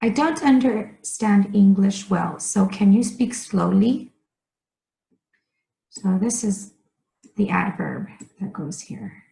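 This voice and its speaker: Woman, ESL teacher, very slow careful delivery, repeats key words, roomy echo. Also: mid-range voice, lively intonation, vocal fry, dark tone. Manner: speaks slowly and deliberately, repeating key words. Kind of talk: slow, clearly enunciated grammar lesson.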